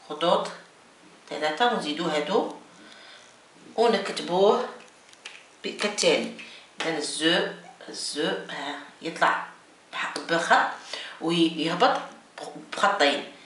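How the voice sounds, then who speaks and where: A woman teaching a beginners' French lesson, slowly repeating letters and words as she explains. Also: on the low side, pushed and bright. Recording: echoey room, mic at a distance, faint noise.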